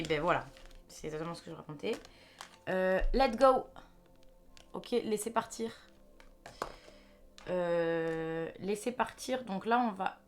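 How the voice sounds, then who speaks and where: A young woman giving a chatty, reassuring intuitive card reading to viewers, with faint music behind her. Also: on the low side. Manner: chatty, reassuring, restarts and fillers. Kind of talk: casual spoken reading to viewers.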